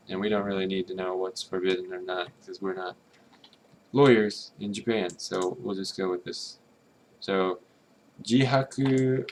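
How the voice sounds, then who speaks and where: Low-pitched and accompanied by a little hiss or hum, this man's voice belongs to a streamer translating a game. A native English speaker, he muses aloud in casual commentary, tentatively testing and correcting readings while murmuring Japanese ones to himself.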